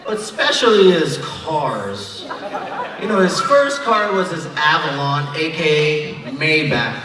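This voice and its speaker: A man's voice: on the high side, big pitch swings, takes it slowly. A young man giving a joking, teasing wedding toast as a groomsman. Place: hotel banquet hall. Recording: echoey hall from far off, crowd.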